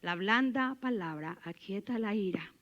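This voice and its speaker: A woman preaching a sermon in church, animated and emphatic, then dropping to a hushed, intimate tone. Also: medium pitch, unhurried, lo-fi sound.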